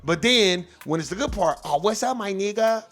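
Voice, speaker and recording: A man's voice: high-pitched, lively intonation, normal speed, fairly bright tone, soft background music. Heated profane man ranting. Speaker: host. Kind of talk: casual rant to viewers.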